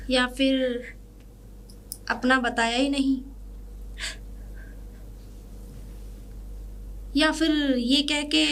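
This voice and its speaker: A woman playing a sharp-tongued elder sister-in-law who taunts and scolds in a family drama. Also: sits high. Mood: mocking. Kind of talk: hobby family drama acting.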